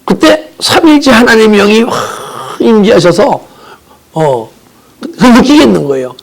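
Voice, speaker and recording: A male pastor giving an impassioned testimony in a church sermon, with vivid sound words, swinging from soft talk to crying out. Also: high voice, expressive, unhurried, vocal fry. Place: church sanctuary.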